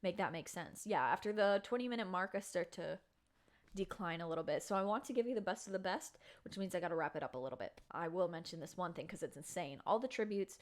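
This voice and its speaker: A woman's voice: fairly low pitch, fast. A woman talking casually to her camera in a chatty, slangy spoiler review of a book. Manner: chatty, slangy, animated storytelling. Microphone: camera mic.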